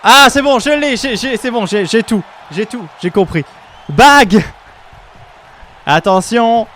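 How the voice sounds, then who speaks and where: A man's voice: very high-pitched, animated, unhurried, a bit bright, a little hiss or hum. A young man co-hosting a live stream, giving playful commentary and teasing his partner. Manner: jokey, teasing, laughs often.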